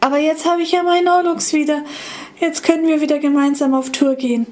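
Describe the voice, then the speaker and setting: A woman voicing an old, excitable music player who gushes in a very high voice. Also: measured pace. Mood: explaining. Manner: gushing, very high-pitched.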